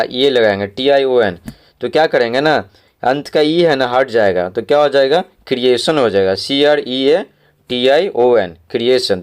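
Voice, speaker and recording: A man teaching schoolchildren. He explains exam answers, spells words out letter by letter and reads the English lines slowly. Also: medium pitch. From Bihar, India.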